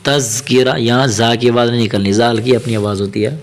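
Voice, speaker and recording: A man teaching Quran reading. He drills syllables slowly and evenly, then gives rapid, softer explanations of pronunciation. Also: medium pitch, steady tone. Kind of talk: slow syllable-by-syllable recitation drill with quick explanations.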